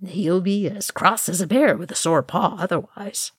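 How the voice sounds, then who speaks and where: A woman doing an old dwarf, high and choked. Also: very animated, normal speed, slightly rough, dry recording, studio quality. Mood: amused. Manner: choked, howling. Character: old grieving male dwarf.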